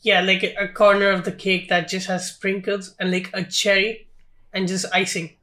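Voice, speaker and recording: Podcast cohost, bright sharp voice, blunt, crude jokes. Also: mid-range voice, flat delivery, moderate pace, slight background noise. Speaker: podcast co-host. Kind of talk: casual film review chat.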